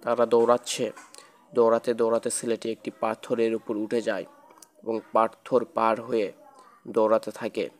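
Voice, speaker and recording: A man narrating a children's cartoon ghost story in a plain, repetitive storytelling manner. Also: lowish voice.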